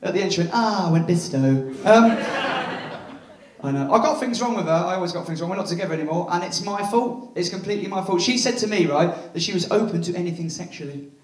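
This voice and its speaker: A man's voice: high-pitched, fast talker. An English man performing a bawdy stand-up comedy set on a theatre stage, punchy and full of tag questions. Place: theatre stage before a laughing audience. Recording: echoey theatre, mic heard from a distance.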